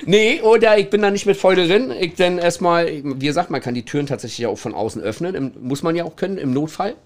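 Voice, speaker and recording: This is a middle-aged man, once a toilet attendant, swapping anecdotes in a chatty manner. His voice runs on the high side, expressive and fast, and he laughs often, checking in with the listener by tagging lines with "ne?".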